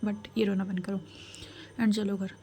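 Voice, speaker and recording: A woman voicing a calm, commanding royal grandmother who gives measured, firm advice. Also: mid-range voice, a little hiss or hum, lightly acted. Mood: firm counsel.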